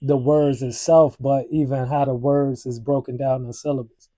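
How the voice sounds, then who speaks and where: A man's voice: mid-range voice, level tone, moderate pace, mellow, dry recording. An American man interviewing in a casual, reflective way, repeating words as he frames his questions.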